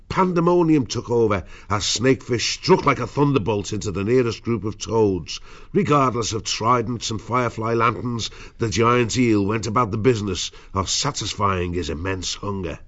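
Male storybook narrator: lower register, dramatic scripted delivery, soft-edged lo-fi recording. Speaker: audiobook narrator.

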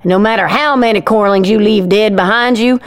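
An actress playing a blunt, sharp-tongued, mocking middle-aged village mother in a fantasy audio drama. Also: medium pitch, brisk, natural voice. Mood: scornful, scolding.

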